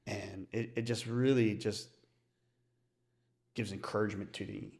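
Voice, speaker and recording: A man co-hosts a casual podcast, talking reflectively and frequently checking in with listeners through questions. His voice is lowish and a little mellow, with fairly even intonation and a slightly slow pace, and his manner is conversational.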